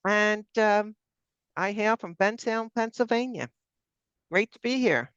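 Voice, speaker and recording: A woman's voice: medium pitch, unhurried, clean tone, lo-fi sound. A woman moderating introductions on a video call, upbeat and brief. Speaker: meeting moderator.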